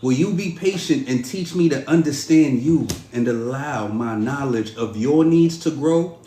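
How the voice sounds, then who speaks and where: A man performing a spoken-word poem to a woman in a measured, dramatic, pleading delivery. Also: medium pitch, warm tone, slight background noise. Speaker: podcast host performing a poem. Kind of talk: spoken-word poetry recital. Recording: roomy echo.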